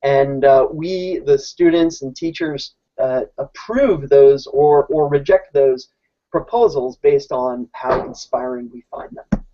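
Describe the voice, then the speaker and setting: A teacher casually explains how his classroom runs, often restarting his sentences in this informal presentation. His mid-range voice is warm and slow. The recording is dull and lo-fi.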